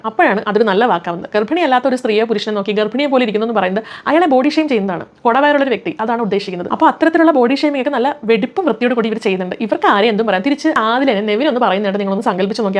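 A woman giving opinionated commentary on a reality show, emphatic and often putting questions to her viewers. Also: on the high side.

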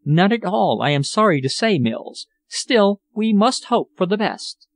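Man doing a refined, sorrowful lady in an audiobook, raised and lively, dry and close. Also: high voice, unhurried, voice pushed up, exaggerated voice. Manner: earnest, genteel, sorrowful. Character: anxious refined English lady, grieving. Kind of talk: audiobook character voice.

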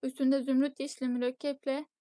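A woman reads a novel aloud as an audiobook in steady, measured storytelling. Her voice sits high, and the recording is dry and close with no room sound. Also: no echo. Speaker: audiobook narrator. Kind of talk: audiobook narration.

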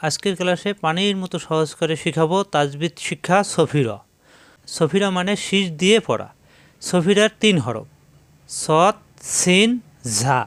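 A man teaching Quran recitation in a Bangladeshi Bengali accent, slowly drilling syllables one by one with a stressed hiss. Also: fairly high pitch, lively intonation, a bit bright, no room sound. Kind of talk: slow teaching, drilling letter sounds.

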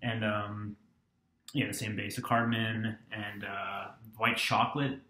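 A young man in his twenties reviews a beer casually on a webcam at his desk in a small, dorm-like room, rambling with plenty of ums and restarts. His fairly low voice has a sharp tone and stays level and unhurried, with a roomy sound and slight background noise.

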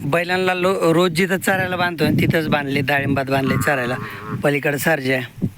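A man's voice: a little high, little pitch movement, brisk, a loud crowd. A man, talking casually while filming his farm on a phone and calling out to his animals. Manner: chatty, calls out to animals. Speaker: farmer vlogger. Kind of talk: casual farm vlog narration. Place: outdoors on a farm field. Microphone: phone held while filming. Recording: loud outdoor background noise.

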